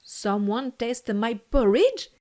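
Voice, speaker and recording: A woman voicing a big, gruff male father bear in a storybook, loud and growling. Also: on the high side, big pitch swings, slow.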